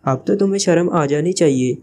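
A man's voice: fairly high pitch, a little fast, dark tone, slight background noise, natural voice. A man reading the part of an irritated young woman who scolds her teammate. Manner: exasperated, scolding. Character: irritated young woman, sharp team member.

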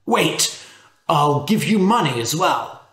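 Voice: medium pitch, very animated, slow, a bit bright. A storyteller voicing an eager, insistent rich man who is easily fooled, heard in a roomy echo. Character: gullible rich man in fur coat.

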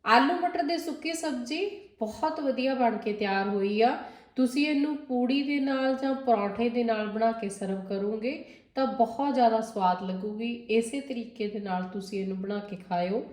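Cooking host, woman, Punjabi accent, slightly high voice, calm step-by-step explainer, echoey kitchen with faint sizzle. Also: normal speed. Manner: calm, explanatory, addresses viewers directly. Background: sizzling and stirring of food.

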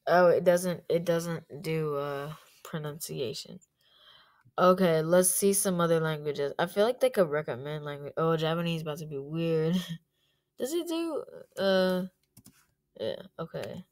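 A woman's voice: low voice, animated, a little slow, darkish tone. A young woman giving rambling, chatty commentary in a casual vlog, with plenty of fillers. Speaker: YouTuber.

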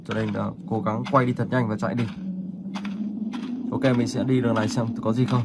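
A man hosting a gaming channel, casually talking viewers through a horror game step by step, with filler pauses. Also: mid-range voice, level tone. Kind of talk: casual gameplay commentary. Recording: noticeable background noise.

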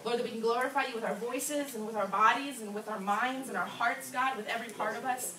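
A woman's voice: on the high side, steady tone, fast talker, pushed and bright. Upbeat young woman leading a church team. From Orlando, Florida. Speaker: drama ministry team leader. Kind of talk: church announcements and prayer. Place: church hall with a wooden floor, indoors. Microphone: far camera. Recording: echoey room from far off, noisy.

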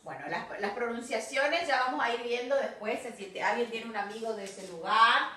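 A woman with a Rioplatense Spanish accent teaching English to young children in a recorded video lesson. She drills phrases slowly and keeps checking in with "yes, ok". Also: fairly high pitch, sharp tone, heavy reverb, recorded from a distance. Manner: slow, drawn-out drilling with frequent "yes, ok".

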